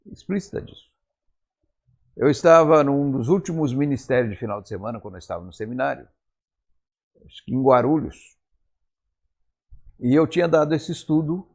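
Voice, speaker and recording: A man's voice: medium pitch, lively intonation, normal speed, creaky, long pauses, darkish tone, breathy edge. A man with a Brazilian accent preaching a sermon in church, telling stories in a conversational way and acting out the dialogue. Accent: Brazilian Portuguese. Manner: conversational, acts out quoted dialogue. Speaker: pastor. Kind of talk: storytelling sermon.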